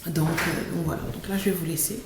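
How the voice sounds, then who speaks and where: A woman's voice: lowish voice, steady tone, fairly quick, far from the mic. A young woman vlogging casually to camera, rambling with lots of fillers and restarts. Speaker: beauty and lifestyle vlogger. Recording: echoey room with faint noise.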